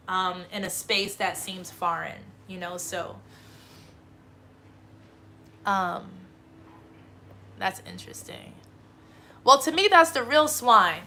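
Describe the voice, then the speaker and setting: Profane, emphatic woman with a bright voice. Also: mid-range voice. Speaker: livestream host. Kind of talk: casual spiritual monologue.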